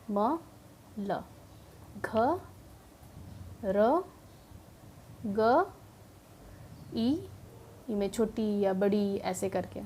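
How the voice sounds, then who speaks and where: A woman with a bright, high voice explains reading to parents and teachers in an earnest, patient way. She pauses on fillers and drops English words into her sentences. A faint hum of background noise sits under the voice. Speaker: educator.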